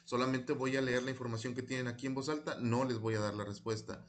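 A man teaching a recorded English lesson, slowly reading words aloud and repeating each one for students to copy. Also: medium pitch, fairly even intonation. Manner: slow, deliberate, repeats each word for students.

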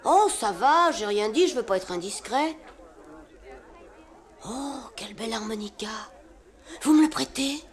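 A woman's voice: fairly high pitch, a little slow, pauses often. A woman voicing a plucky, cheeky young boy stowaway in a storybook record. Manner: cheeky, lively.

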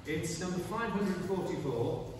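A minister leading a church service, making courteous, measured announcements. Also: male voice, high-pitched, lively intonation, noisy background. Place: church sanctuary. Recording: echoey church hall from far off.

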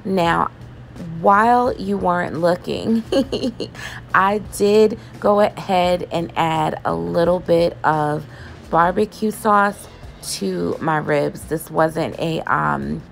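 A woman chatting casually as she cooks in her home kitchen, relaxed and loose, with laughs and fillers. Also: lowish voice, takes it slowly, creaky, soft background music. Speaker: home cooking vlogger. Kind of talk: casual cooking voice-over.

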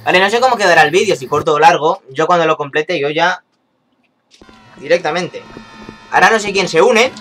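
A young gaming YouTuber gives playful, chatty commentary on the game he's playing, speaking straight to his viewers. His voice is a little high and a bit bright, brisk but with long pauses, on a rough recording with slight background noise.

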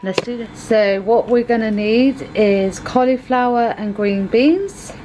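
A young vlogger chats casually while cooking in her home kitchen, her voice fairly high and unhurried. The camera sits on the counter at mid-distance, and a washing machine runs in the background.

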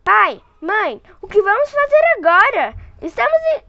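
A woman's voice: big pitch swings, measured pace, gravelly, no echo, heavily acted. Small boy, terrified, shrieking; a woman puts him on, dry and muffled sound. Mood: panicked. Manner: shrill panicked shouting. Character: little boy terrified and screaming.

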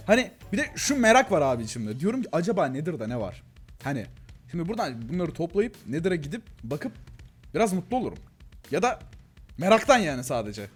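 A young man talks fast and animatedly over his gameplay. His voice is high and bouncy, swinging between thin and deep tones. Faint music plays behind him. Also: breathy edge. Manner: excitable, chatty, talks to viewers as "gençler" and "abi", frequent laughs. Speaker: gaming YouTuber. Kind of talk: casual Let's Play commentary.

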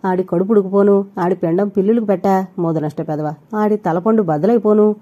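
A woman's voice: mid-range voice, steady tone, a little fast, husky, phone-quality sound, natural voice. A woman voicing a fussing mother over sixty who scolds and heaps curses, in an audio novel. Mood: scolding.

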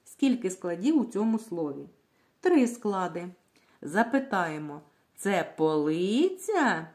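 A woman teaching a reading lesson to young children, sounding out words slowly and clearly, asking questions and then answering them herself. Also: on the low side, sing-song, darkish tone. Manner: slow, clear, drawing out words syllable by syllable. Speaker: primary school teacher.

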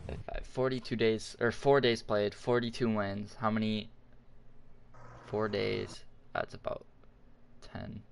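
A man's voice: on the low side, little pitch movement, unhurried, vocal fry, a little hiss or hum. A young man chatting casually while gaming, rambling and thinking aloud. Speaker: gamer.

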